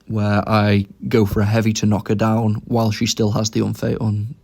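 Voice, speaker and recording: A man's voice: on the low side, completely flat delivery, normal speed, vocal fry, a little mellow. A young man giving casual commentary over his own game, thinking aloud about each move as he plays.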